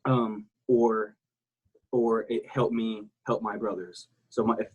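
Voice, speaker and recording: A man's voice: fairly low pitch, little pitch movement, takes it slowly, a little mellow, breathy edge, lo-fi sound. A man from South Texas talking casually as a podcast guest, candid and rambling, swearing freely. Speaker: guest, military veteran.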